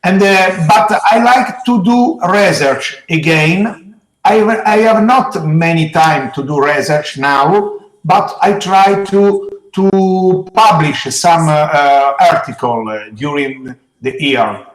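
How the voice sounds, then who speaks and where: A middle-aged man with an Italian accent speaks in a fairly high voice in an echoey room. He answers interview questions slowly, feeling for his words in simple, non-native phrasing. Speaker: geology teacher being interviewed.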